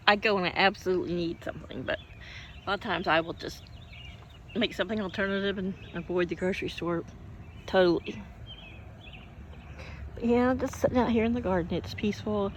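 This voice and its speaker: An older woman from Oklahoma chatting in a meandering, homey way while sitting outdoors in her garden, often hiccuping and yawning. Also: on the low side. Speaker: vlogger. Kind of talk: rambling casual chat. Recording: faint outdoor noise, birds and passing traffic.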